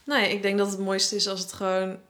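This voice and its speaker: Relaxed young woman in casual chat. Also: medium pitch, brisk. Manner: relaxed, laughs often. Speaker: guest, host's partner.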